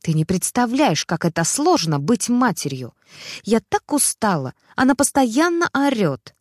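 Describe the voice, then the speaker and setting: Woman doing a loud high nagging young mom, bossy and shrill, dry close sound. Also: big pitch swings, a little slow, no room sound. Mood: whiny. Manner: loud, scolding, insistent. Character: shrill demanding young mother.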